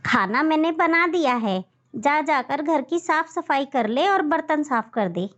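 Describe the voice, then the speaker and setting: A woman's voice: high-pitched, expressive, unhurried, a bit bright, voice pushed up. A woman voicing a bossy, cruel crow stepmother in a children's cartoon story, scolding and threatening like a wicked stepmother. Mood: harsh, threatening. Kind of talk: animated children's story voice acting. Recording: dull lo-fi audio.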